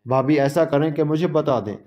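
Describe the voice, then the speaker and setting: A man voicing a gentle, affectionate blind young man in a storytelling recording, speaking in a soft, earnest way. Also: fairly high pitch, highs cut off, lightly acted.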